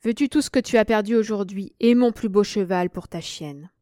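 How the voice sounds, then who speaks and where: A woman's voice: medium pitch, normal speed, warm tone, no echo, studio quality, close to an everyday voice. A woman reading the part of an obsessive, grasping male landowner, insistent and pleading.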